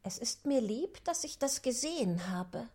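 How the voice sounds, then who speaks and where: A man voicing Alice, a polite little girl, in a high, breathy falsetto as he reads a story aloud. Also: sing-song, measured pace, mellow, heavily acted. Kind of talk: audiobook reading.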